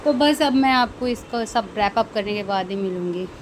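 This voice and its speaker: A woman's voice: mid-range voice, animated, moderate pace. A young Indian mother chatting through a casual home vlog while coaxing her toddler, filmed on a handheld phone. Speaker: vlogger and mother. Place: home, indoors. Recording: noisy home phone recording.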